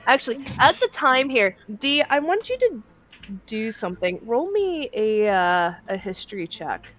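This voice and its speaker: A woman narrating a tabletop role-playing game as game master in a casual, halting way. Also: on the high side, big pitch swings, fairly bright tone, soft background music, rough recording.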